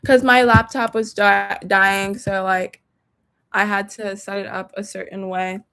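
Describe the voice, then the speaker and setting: A woman's voice: mid-range voice, little pitch movement, unhurried, gravelly, fairly bright tone, clean tone. Casual young woman with a hint of Southern accent, chatting to viewers through a phone or laptop mic. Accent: slight Southern. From Texas. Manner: chatty, slangy, addresses viewers directly. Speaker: tarot reader livestreaming. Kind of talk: casual livestream chat.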